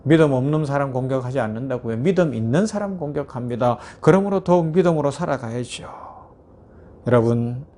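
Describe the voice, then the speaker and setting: A male pastor giving a morning devotional sermon, preaching with lively rhetorical questions to his listeners. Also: mid-range voice, brisk.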